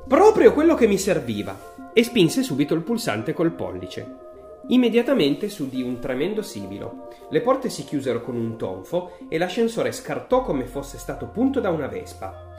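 Expressive storybook narrator with faint music. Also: medium pitch, normal speed. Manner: expressive, lively reading. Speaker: audiobook narrator. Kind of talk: storybook read-aloud narration.

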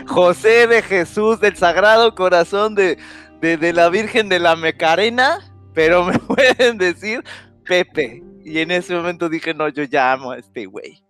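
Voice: mid-range voice, takes it slowly, a bit bright, soft background music. A host with a Mexican accent, chatting casually and giving short slangy replies. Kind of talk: casual podcast chat.

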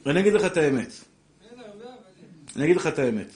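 Older preacher man, fiery and direct. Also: on the high side. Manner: animated preaching, addresses listeners as brothers. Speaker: rabbi giving a Torah class. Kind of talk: sermon.

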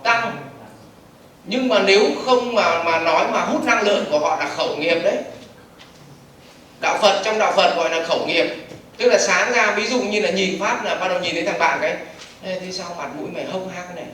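A man's voice: high-pitched, pushed and bright, far from the mic, a little hiss or hum. Echoey lecturing man. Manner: asks the audience questions and answers them himself, acts out quick examples. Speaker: business trainer. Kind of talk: lively seminar lecture to a live audience. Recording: echoey hall recorded from afar.

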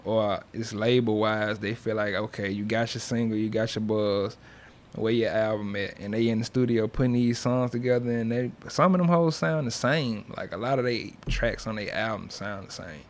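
A young man speaks as a music artist in an interview, loose and slangy, peppering his talk with check-in phrases. His voice is lowish and his pace moderate.

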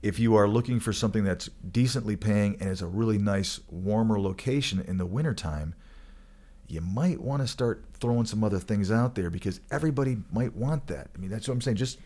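A Michigan man co-hosting a casual chat rambles and jokes, frequently correcting himself and restarting sentences. He speaks fairly quickly in a lowish voice with a dark tone.

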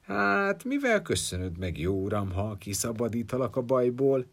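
A man's voice: on the low side, very animated, vocal fry, exaggerated voice. A man voicing a crafty old peasant with a grey beard, teasing and cheerful, in a folk tale. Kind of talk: storytelling.

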